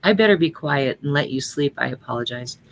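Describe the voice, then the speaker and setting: Woman, middle-aged, low voice, earnest storyteller, memorial service reading, lightly acted dialogue. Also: lively intonation, a little fast, a little hiss or hum. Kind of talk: reading a personal story aloud, then reflecting.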